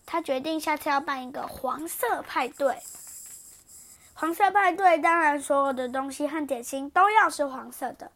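A woman reading a children's picture book aloud in an expressive, animated way. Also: sits high, moderate pace. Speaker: storyteller.

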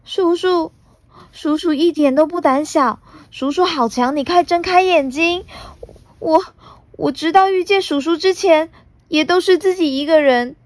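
A woman voicing a small, lonely young dinosaur girl in a storybook reading, in a very high, childlike voice. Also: animated, moderate pace, a little mellow, no room sound. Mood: pleading.

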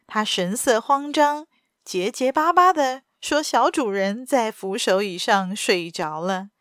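A woman's voice: a little high, dry recording. Woman reading a story, dry close sound. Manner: steady, even narration. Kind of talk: reading a novel aloud.

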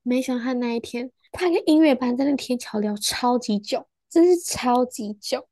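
Animated young woman telling a story. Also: fairly high pitch, no room sound. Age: young adult. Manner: animated storytelling, quick laughs, acts out quoted lines. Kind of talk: casual podcast chat.

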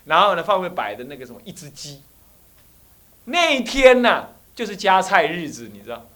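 A man, a Buddhist abbot giving a dharma class to monastic students and telling personal stories in an animated way. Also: high-pitched, moderate pace. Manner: animated storyteller who acts out dialogue.

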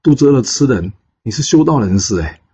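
A man's voice: mid-range voice, expressive, fairly quick, dark tone, husky, muffled recording, pitched above the performer's own voice. A man voicing a stern, reproachful older Taoist master who lectures a wayward disciple. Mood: scolding.

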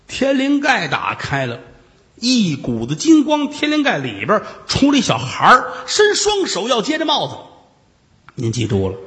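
A man performs a traditional tale, voicing whooshes and crashes as he goes. His voice rides high and leaps across its range. A long hall reverb hangs on every phrase. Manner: dramatic, animated, with sound effects. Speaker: storyteller.

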